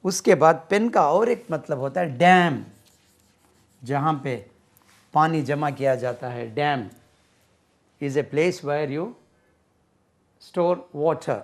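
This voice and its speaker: Slow, drilling Pakistani teacher. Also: male voice, a little high, lively intonation. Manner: slow, repeats words many times for pronunciation drill. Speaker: English teacher. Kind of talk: bilingual vocabulary lesson.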